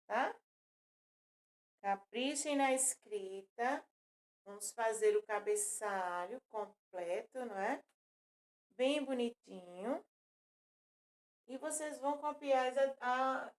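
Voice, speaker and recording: High-voiced woman teaching kids, slow and patient, counts syllables out loud. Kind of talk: recorded classroom lesson for children.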